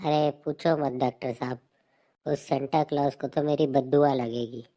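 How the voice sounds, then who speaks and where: A man who hosts a comedy joke channel tells jokes and plays out comic sketches, narrating and voicing the dialogue as a jokey storyteller. His mid-range voice has a dark tone, and he keeps a steady tone and measured pace.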